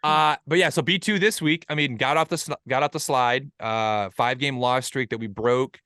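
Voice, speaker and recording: A man's voice: mid-range voice, moderate pace, pushed and bright, clear, resonant tone, no room sound. A man hosting a podcast in casual chat, blunt, profane and joking. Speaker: podcast host.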